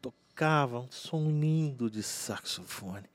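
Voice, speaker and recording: Animated male storyteller, dry close sound. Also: mid-range voice, takes it slowly, no room sound. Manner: animated, acts out quoted voices in anecdotes. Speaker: guest saxophonist and teacher. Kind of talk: casual podcast storytelling.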